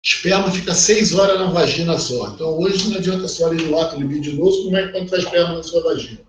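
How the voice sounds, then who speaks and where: A middle-aged man with a Brazilian Portuguese accent lectures on criminal law in a frank, animated way, often slipping into the voices of the people he describes. His voice sits high for a man. The audio is roomy and muffled, with a faint background hiss. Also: racing, far from the mic. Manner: blunt and animated, acts out quoted voices. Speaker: law professor. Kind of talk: recorded online lecture, conversational. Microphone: online class call. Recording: dull, echoey audio with faint noise.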